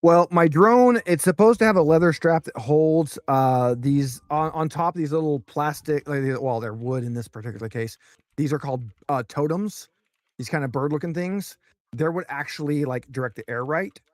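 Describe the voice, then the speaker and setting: A man's voice: a little high, normal speed, no room sound, clean studio sound. A man chatting casually on a voice call, explaining things patiently while his noise-cancelling mic cuts in and out. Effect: mic cutting out from noise cancellation. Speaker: tabletop game player. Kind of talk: casual chat over a voice call. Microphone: headset or desk mic with noise cancellation.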